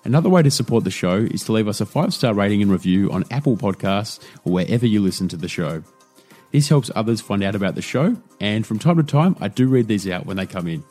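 A man hosting a podcast interview, upbeat and quick to laugh. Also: on the low side, expressive, a little mellow, soft background music. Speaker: podcast host.

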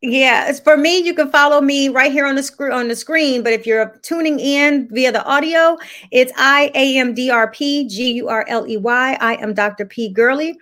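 A woman's voice: high voice, normal speed, fairly bright tone. A woman hosting a live podcast over a video call, chatty and often repeating words as she thinks. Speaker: podcast host.

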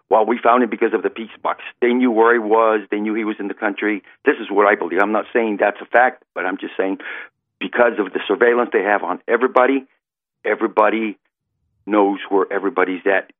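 A man's voice comes through a tinny, narrow phone line as he calls in to a radio show. He sounds nervous and halting, restarting his sentences, and his voice sits fairly low. The recording is dry, with no room around it. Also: steady tone, dry recording. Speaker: caller. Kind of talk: call-in talk.

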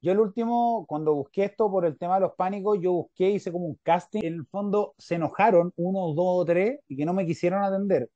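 A Chilean-accented man hosting a podcast, his voice dark and mellow on dull, muffled audio. He rambles through his points and keeps checking that the listener follows. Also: sits high, fairly quick, few pauses, dry recording. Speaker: podcast host. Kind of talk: casual interview chat.

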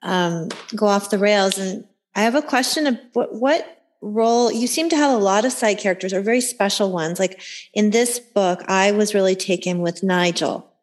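A woman's voice: medium pitch, moderate pace. Rambling woman interviewer. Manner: rambling, restarting questions. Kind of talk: interview questions.

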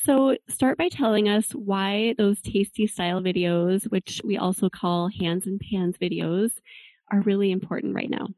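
A woman's voice: mid-range voice, steady tone, a little mellow, no echo. A woman hosting a podcast, upbeat and enthusiastic, reading ads and interviewing a guest. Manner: upbeat, enthusiastic, slows down for web addresses. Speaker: podcast host.

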